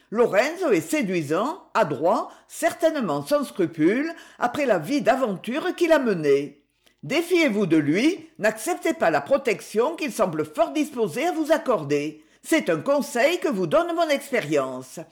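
A woman's voice: mid-range voice, pitched above the performer's own voice. A haughty, acid-tongued stepmother lashes out in a raised, piercing voice, as a woman reader puts her on. Her lines rise and fall sharply. She is plainly scornful and commanding. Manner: acerbe, haughty, scolding. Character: sharp arrogant middle-aged stepmother, scolding. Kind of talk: audiobook reading.

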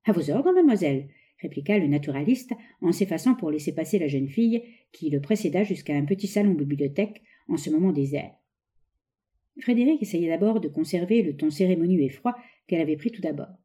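A woman narrating a novel aloud in a measured, expressive reading. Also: low-pitched.

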